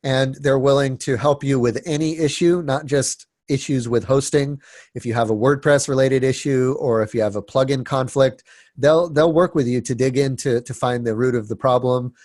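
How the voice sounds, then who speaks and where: This webinar presenter is a man with a cold who sniffles and sounds stuffy, chatting casually through many fillers, restarts, and repeated words. He speaks at a medium pitch and moderate pace with a darkish tone, recorded at studio quality without echo.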